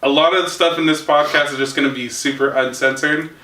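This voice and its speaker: A man's voice: fairly high pitch, fairly even intonation, fairly quick, sharp tone. A young man hosting a casual podcast chat, laid-back and rambling, chuckling often. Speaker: podcast host. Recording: echoey room from far off, faint noise.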